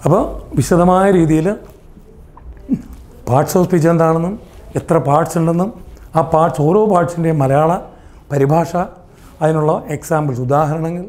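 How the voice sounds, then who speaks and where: Man, Malayali accent, slightly high voice, grammar teacher, asks questions and answers them himself. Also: steady tone, normal speed, long pauses, darkish tone. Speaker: English teacher. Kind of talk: explaining grammar in a lesson.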